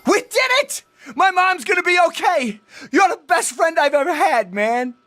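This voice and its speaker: Teenage tough boy, video game character, very high voice, swooping intonation, slangy, panicky. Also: sing-song, moderate pace, a bit bright, exaggerated voice. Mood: elated, grateful. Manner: pleading, emphatic, slangy.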